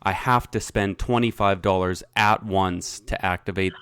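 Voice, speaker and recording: A man's voice: deep voice, fairly even intonation, moderate pace, a bit bright, smooth, no echo. A man co-hosting a podcast, chatting casually and joking, sitting close to the mic. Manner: joking, swears freely. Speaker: podcast co-host. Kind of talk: casual chat.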